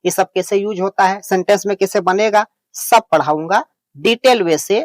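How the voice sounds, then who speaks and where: Speaking at normal speed in a high voice with no echo, a man gives beginners an English lesson explained in Hindi. He keeps things plain and homely, patiently going over each point again and reassuring his students.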